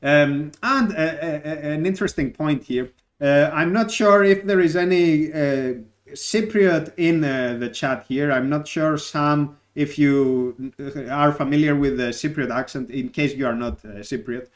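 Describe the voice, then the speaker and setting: A young Greek man, native Greek speaker, hosting a live stream and talking casually and thoughtfully with many filler pauses. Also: on the high side. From Greece.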